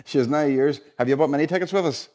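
A man's voice: on the high side, quick pace, darkish tone. Chatty man hosting a prize draw. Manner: chatty, colloquial. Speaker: competition draw host. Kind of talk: informal live prize-draw presenting. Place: indoor showroom unit with a car and screen.

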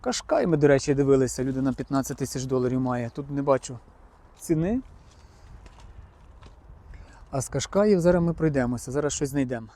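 Mellow-voiced man touring a car lot. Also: mid-range voice, fast. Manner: chatty, addresses viewers directly as friends. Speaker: car-market vlogger. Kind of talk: casual on-the-spot car inspection vlog. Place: outdoor used-car market.

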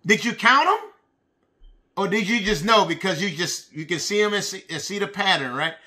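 A middle-aged man teaching young children, animated and encouraging, using simple repeated phrases and questions as if talking to toddlers. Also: high voice, moderate pace. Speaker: preschool and kindergarten teacher. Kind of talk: children's lesson addressed to young pupils. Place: small indoor room with bookshelves.

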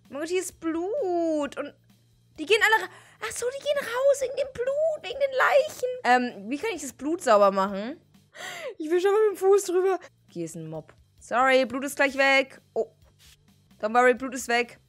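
A young woman narrates her gameplay for her stream in a high, lively voice that leaps up and down. She exclaims and shrieks at what happens on screen, and faint game music plays behind her. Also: moderate pace. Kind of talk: gaming stream commentary.

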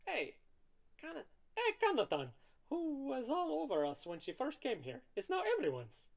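A man voicing an excitable young man in a cartoonish, put-on Italian accent while reading a game's lines. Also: very high-pitched, normal speed, gravelly, voice pushed up, heavily acted. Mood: teasing.

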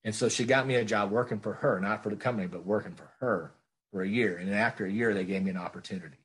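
Middle-aged man, recovery speaker; low, husky, earnest, plainspoken, repeats for emphasis. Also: fast, a bit bright. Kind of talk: speaker-meeting share.

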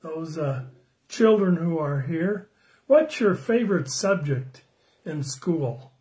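An older man in his sixties giving a children's sermon on a phone livestream, slow and friendly, greeting viewers by name and asking the kids questions. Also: a little high, lively intonation, darkish tone. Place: small room indoors at home. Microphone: phone camera close up.

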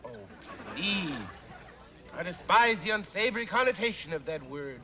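A man's voice: high-pitched, lively intonation, normal speed, background noise. A man playing a boastful, pompous young Texan cowboy hustler who drawls and tags every phrase with y'all in a sketch comedy. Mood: haughty. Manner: drawls, ends every phrase with y'all, then turns haughty and fussy. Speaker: comic actor.

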